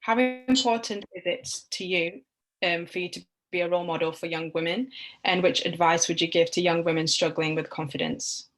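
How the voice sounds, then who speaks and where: A woman moderates an online session over a video call. Her voice is fairly low, and she reads each question in a polite, formal way. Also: fairly even intonation, normal speed, fairly bright tone, poor audio. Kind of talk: reading out interview questions.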